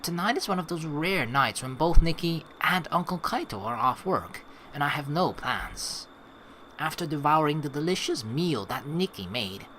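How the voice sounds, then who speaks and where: Over video game music, a young let's play streamer from the Netherlands reads the game aloud and banters crudely, joking and swearing. His fairly high voice sounds pushed and bright, and the low-quality recording has slight background noise.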